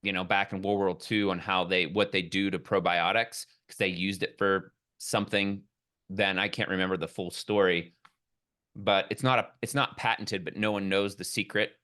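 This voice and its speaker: A man with a fairly low, bright and forceful voice, chatting as a guest on a podcast. He tells long stories with enthusiasm and wanders from point to point as he goes. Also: steady tone, normal speed. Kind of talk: casual podcast conversation.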